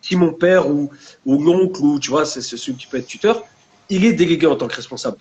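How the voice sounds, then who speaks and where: A man's voice: a little high, brisk, a little mellow. A young man with a French Maghrebi urban accent talks casually in a discussion, mixing street slang with Arabic religious terms. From France, of Maghrebi family. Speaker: guest, book author.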